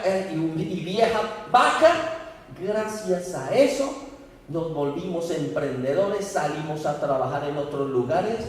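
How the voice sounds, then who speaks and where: A man's voice: sits high, slight background noise. A man voicing a grateful older farmer who consoles a young stranger, in a distant, echoey hall.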